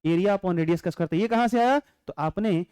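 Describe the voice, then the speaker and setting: A man teaching a physics class with a high, clean, ringing voice. He explains unhurriedly and chats with his students, dropping joking asides and constantly asking if they follow. The sound is close and dry, with no room around it. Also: moderate pace, darkish tone, smooth, dry recording. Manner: chatty, joking asides, constant rhetorical check-ins. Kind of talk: classroom lecture.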